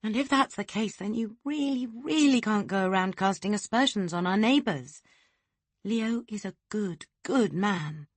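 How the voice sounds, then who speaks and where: A woman voicing a worried mother who speaks in a firm, measured way in an audiobook. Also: medium pitch, lively intonation, slightly rough, no echo, pitched above the performer's own voice.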